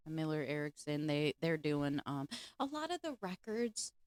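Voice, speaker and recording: Low-voiced chatty woman from Chicago. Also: very animated, normal speed, no echo. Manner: open, chatty, laughs easily. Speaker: guest, convention organizer. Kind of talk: casual podcast chat.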